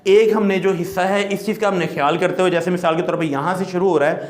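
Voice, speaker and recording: Male recitation teacher, high voice, patient explainer with long drawn-out sound demos, echoey room. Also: fairly even intonation. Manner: explains patiently, then draws out letter sounds as long demonstrations. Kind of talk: classroom lesson.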